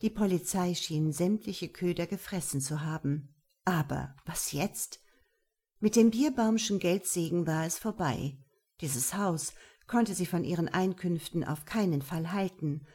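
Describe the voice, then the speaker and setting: A woman narrating an audiobook in a measured, even storytelling manner. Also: lowish voice, breathy edge. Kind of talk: scripted narration.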